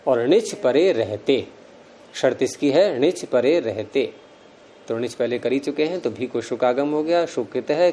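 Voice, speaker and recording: A man's voice: on the high side, mellow. A man teaching Sanskrit grammar to a class of students, explaining each rule step by step and quizzing them as he goes. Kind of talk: classroom lecture.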